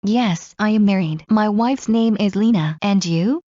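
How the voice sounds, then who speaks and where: A woman reading scripted English practice dialogues in a slow, clear drill delivery. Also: mid-range voice, dark tone, no room sound. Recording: muffled lo-fi recording.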